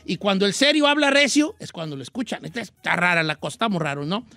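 A man's voice: sits high, very animated, fast, creaky, sharp tone, no room sound. A middle-aged man with a Mexican Spanish accent, hosting a casual radio advice chat in a slangy, rambling, self-mocking way. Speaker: radio host.

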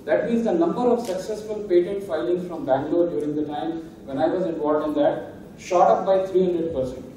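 A man's voice: high-pitched, fairly quick, mellow, slight background noise. A man giving a conversational conference keynote, often ending points with "right?". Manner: conversational, emphatic, frequent "right?" tags. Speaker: keynote speaker. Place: large conference hall. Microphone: handheld mic, recorded from far camera. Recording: echoey hall, distant and muffled.

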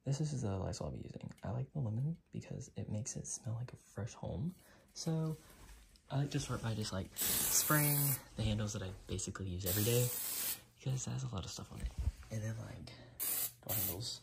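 Young man with a gravelly low voice. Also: animated, fairly quick, slight background noise, rough recording. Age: young adult. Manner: chatty, many "like" fillers. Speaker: vlogger. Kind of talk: casual vlog narration. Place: bedroom at home. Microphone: phone camera, moving around the room.

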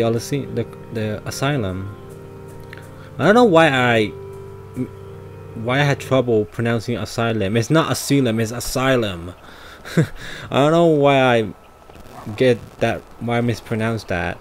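A man's voice: lowish voice, a little mellow, a little hiss or hum. A man commenting on his gameplay, thinking aloud in a hesitant way with frequent fillers and restarts. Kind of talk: thinking aloud while playing.

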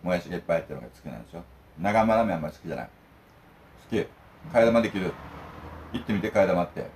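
Middle-aged Okinawan food vlogger, low voice, animated, jokey rambling storyteller. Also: male voice, racing, slight background noise. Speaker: food vlog host. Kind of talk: casual rambling chat while eating.

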